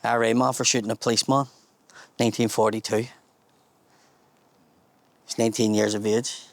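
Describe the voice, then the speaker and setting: A man's voice: fairly low pitch, flat delivery, brisk, no room sound. A man in his forties with a Belfast accent, a comedian guiding a casual tour outdoors and telling history in a blunt, sweary way. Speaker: tour guide and comedian host. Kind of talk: casual guided tour chat. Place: outdoors at a memorial garden in a housing estate. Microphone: small handheld mic.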